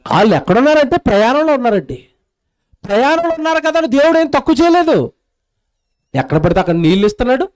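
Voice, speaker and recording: A man preaching a sermon in a lively storytelling way, acting out the voices of the people in his story. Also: very high-pitched, fast, pauses often, poor audio. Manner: animated storytelling, acts out quoted voices.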